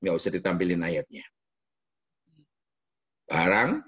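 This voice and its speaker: A man with a Javanese accent preaching a lively sermon as pastor, jumping into mock voices and quoted asides. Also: sits low, slow, breathy edge, lo-fi sound.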